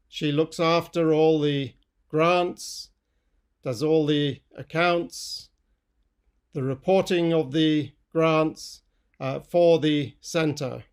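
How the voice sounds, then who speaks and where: A man presenting at a graduation ceremony, introducing the class speaker in a deliberate, formal way. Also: fairly high pitch, clear, resonant tone.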